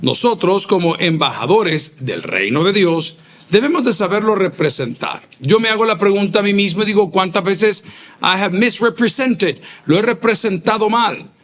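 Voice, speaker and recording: A male pastor, preaching a sermon with emphatic repeated phrases and sudden rises in pitch. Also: animated, moderate pace, fairly bright tone. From El Salvador.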